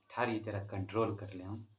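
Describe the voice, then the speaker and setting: A man teacher with a Bihari accent tells his class a joke in a playful, casual way and keeps breaking into laughter. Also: on the low side. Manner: speaks to students directly.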